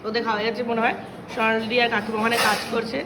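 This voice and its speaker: Chatty quick-talking young woman vlogger. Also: a little high, heavy background noise. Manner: chatty, excitable. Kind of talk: casual vlog narration. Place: family home and outings.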